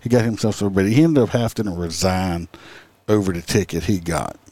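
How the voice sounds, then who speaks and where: A man's voice: low voice, brisk, warm tone, dry recording. A man hosting a podcast, chatting casually and joking, laughing often and acting out quotes. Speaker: podcast host. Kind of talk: casual comedic chat.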